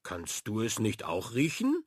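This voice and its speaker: Brief: a boisterous sea-captain father in a children's audiobook, voiced by a man, hearty and slow-spoken, with a dry, close sound. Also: on the low side, wildly swooping pitch, breathy edge, no room sound, full character voice. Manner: hearty, exclamatory.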